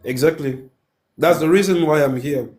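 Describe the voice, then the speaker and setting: Male, 30s, Congolese French accent, native French speaker. Slightly high voice, short halting English answers as a call-in guest. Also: darkish tone. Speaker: pastor, guest caller. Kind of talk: casual live interview. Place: live video call.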